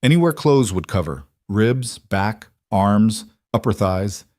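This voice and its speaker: A man voicing a haunted frontier woman who speaks in a quiet, strained and halting way. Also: fairly low pitch, animated, no echo, clean studio sound.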